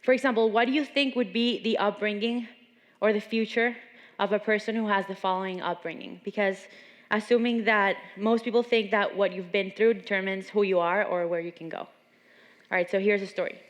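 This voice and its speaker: Seminar speaker: young woman from Venezuela, earnest storytelling, reverberant gym hall, mid pitch. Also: fairly even intonation, a little fast. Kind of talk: motivational talk. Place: large gym.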